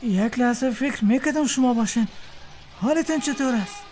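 An actor playing a young Afghan Dari driver in a radio drama, blunt at first and then eager and respectful. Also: male voice, very high voice, darkish tone, slight background noise. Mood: delighted. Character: young male driver, hasty, then warm former pupil.

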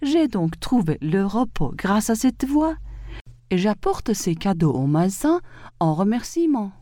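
A woman's voice: mid-range voice, sing-song, a little slow, mellow, no echo. A woman voicing a grateful father who earnestly recounts his story.

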